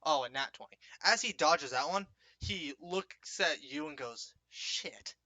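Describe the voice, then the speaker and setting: A man's voice: a little high, expressive, a little slow, pushed and bright, dry recording. A young man narrating a tabletop game as game master, hesitant, with many fillers and restarts.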